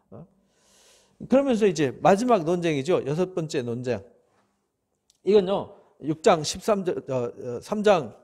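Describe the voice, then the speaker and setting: Animated pastor, dark mellow voice. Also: male voice, on the high side. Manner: animated, acts out skeptics' taunts, frequent "eo?" check-ins. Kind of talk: expository Bible sermon.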